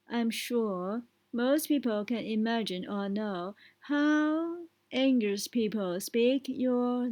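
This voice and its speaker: A woman teaching English speaking tips, explaining step by step and often checking in with a quick question. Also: a little high, darkish tone, low-quality recording. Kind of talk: spoken language lesson.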